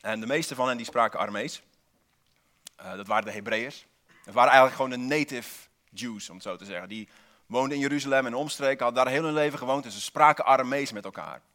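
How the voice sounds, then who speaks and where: A man preaching to his congregation in a steady, mid-pitched voice. He builds each point through rhetorical questions and single repeated words. Now and then he drops a wry aside to the listeners. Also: quick pace. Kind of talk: sermon.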